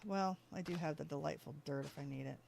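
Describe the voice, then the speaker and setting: Here a gaming streamer chats through casual gameplay, often speaking to the animals in the game and to themselves. Their medium-pitched voice is quick, with vocal fry and a darkish tone, plus slight background noise.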